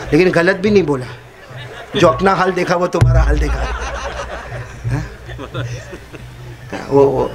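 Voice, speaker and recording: A man with a Hyderabadi Urdu accent preaching a sermon, joking with the audience and quizzing them for answers at a religious gathering. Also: fairly high pitch. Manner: jokey, quizzes and teases the audience. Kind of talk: sermon with call-and-response.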